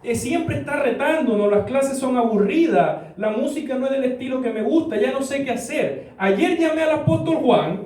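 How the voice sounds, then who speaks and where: A man's voice: very high-pitched, animated, moderate pace, hardly any pauses, darkish tone, voice pushed up. A man voicing a discontented young man who complains in an exasperated way about every church. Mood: desperate. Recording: echoey church room, distant mic.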